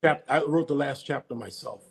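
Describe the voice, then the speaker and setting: Gravelly older man, rambling interview guest. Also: mid-range voice, brisk. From United States. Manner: rambling, repeats and restarts words. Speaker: podcast guest. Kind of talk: casual interview chat.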